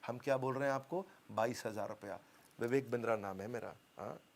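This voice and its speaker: A man's voice: mid-range voice, brisk, vocal fry. A man giving a motivational business seminar, emphatic, repeating key phrases and having the audience finish his lines. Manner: call-and-response, has the audience finish lines. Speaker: business coach.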